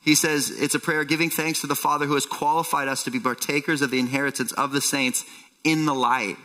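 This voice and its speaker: A male pastor preaching at a pulpit microphone, his voice bright and forceful with a slightly high pitch. The sanctuary's long reverb trails after his words, and faint music sits underneath. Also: steady tone, a little fast. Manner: earnest teaching, often quoting scripture. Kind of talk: sermon. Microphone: speaking at a pulpit microphone.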